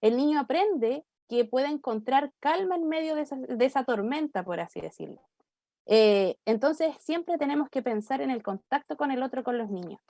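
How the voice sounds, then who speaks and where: A Chilean woman with a fairly high voice explains how children learn to calm themselves. She speaks as a professional guest on a church talk program and now and then takes on a child's pleading words. The sound is close and dry. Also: moderate pace, gravelly, no echo. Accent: Chilean Spanish. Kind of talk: church talk show discussion.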